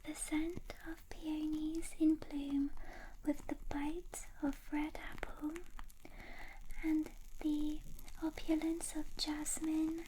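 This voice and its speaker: Slow whispered role-play, woman as personal shopper. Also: high voice, a little hiss or hum, rough recording. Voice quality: breathy whisper. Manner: soft, slow, gentle personal shopper presenting products.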